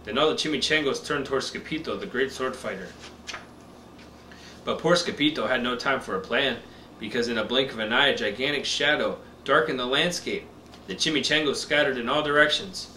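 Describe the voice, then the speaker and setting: A man reading picture books aloud to a toddler as a father, in an expressive, simple storybook delivery. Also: medium pitch, a little fast. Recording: echoey room with faint background noise.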